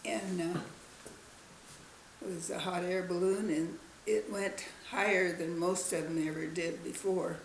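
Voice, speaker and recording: A woman in her nineties, interviewed as a grandmother, recalling her childhood in a slow, halting way. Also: on the low side, steady tone, gravelly, roomy sound, slight background noise, rough recording. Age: 90s. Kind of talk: casual family interview.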